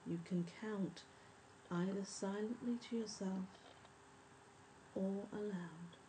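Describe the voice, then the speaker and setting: A woman leading a guided breathing meditation in a soft, soothing, measured spa voice that often trails toward a whisper. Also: mid-range voice, fairly even intonation, poor audio. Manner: measured, instructive. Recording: faint background noise and ambience.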